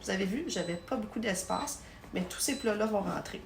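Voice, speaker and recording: A woman's voice: mid-range voice, fairly quick, vocal fry, heavy background noise. A woman with a Québécois French accent, chatting casually through a live product demonstration in her home kitchen, recorded on a phone, sometimes stumbling over her words.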